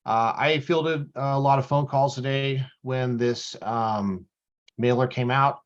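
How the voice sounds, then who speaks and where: A man calling in over a group video call to give a polite, halting public comment to a council, with many fillers. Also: mid-range voice, steady tone. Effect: heard over a group video call. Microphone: computer or phone on a video call. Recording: dull lo-fi video call audio.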